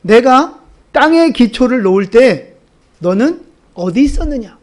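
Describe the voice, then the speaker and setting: A preacher voicing God, commanding and high-pitched. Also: male voice, expressive, unhurried, darkish tone. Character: God questioning a man, majestic and challenging.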